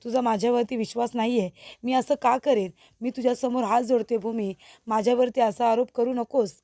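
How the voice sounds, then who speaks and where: Sweet-talking scheming mother-in-law, pleading, slightly high, read by a woman. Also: steady tone, a little fast, warm tone, dry recording, clean studio sound, close to an everyday voice. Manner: pleading, sugary.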